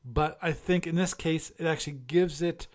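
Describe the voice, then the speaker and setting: Speaking at normal speed with a highish voice and fairly even intonation, a male podcast host runs a relaxed solo show. He reviews and chats in a musing way, often correcting himself.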